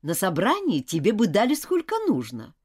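A woman's voice: medium pitch, huge pitch swings, normal speed, a little mellow, husky. A woman voicing a strict, indignant older schoolgirl who questions insistently in a storybook reading.

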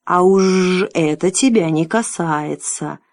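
A scheming old dragoness, as a woman reader puts her on, who drawls every word slowly with mock sweetness and a hiss under it. Her voice sits fairly low and sounds close and dry. She is a storybook villain, sneering and menacing. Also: a little mellow, dry recording. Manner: hissing, sneering, slow and drawn out. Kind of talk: audiobook character voice.

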